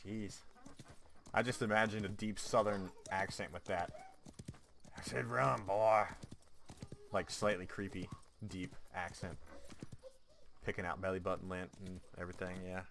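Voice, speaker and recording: Bright-voiced joking male game streamer. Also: deep voice, little pitch movement, moderate pace, slight background noise. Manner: chatty, jokey, laughs often. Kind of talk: casual gameplay commentary.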